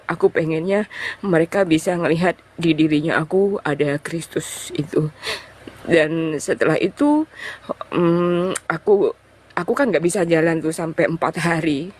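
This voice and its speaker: A young woman telling her conversion testimony in an interview, talking in a loose, halting way full of fillers. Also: low-pitched, a little mellow. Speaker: guest sharing a conversion testimony.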